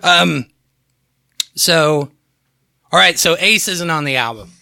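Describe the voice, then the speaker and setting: Podcast guy rambling about old albums, swears a lot, super bright tense voice, dry close sound. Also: fairly high pitch, slow pace, vocal fry, clean tone, dry recording. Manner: rambling, swears, works from notes. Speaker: podcast co-host. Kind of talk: casual chat about music.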